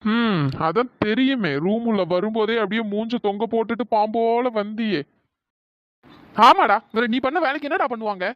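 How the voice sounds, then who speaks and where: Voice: medium pitch, normal speed, no room sound, dull audio, lightly acted. A performer voicing a young man who scolds and mocks his injured best friend in a cartoon story. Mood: scolding. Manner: scolding, mocking.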